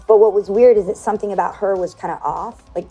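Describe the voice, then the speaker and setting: A woman's voice: medium pitch, quick pace, slightly rough, dull audio, soft background music. A woman interview guest telling a personal story in casual talk, acting out quoted dialogue and using many fillers.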